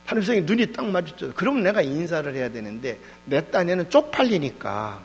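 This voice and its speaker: Gravelly, lively male revival preacher. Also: fairly high pitch, quick pace. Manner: animated storytelling with sudden drops and outbursts. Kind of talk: revival sermon storytelling. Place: church hall. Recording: dull echoey hall with hum.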